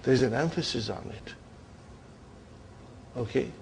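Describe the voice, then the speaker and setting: A man's voice: medium pitch, unhurried, vocal fry, darkish tone, slightly rough. A man teaching an Arabic grammar lesson, engaging his class with frequent check-in questions and addressing them as brothers and sisters.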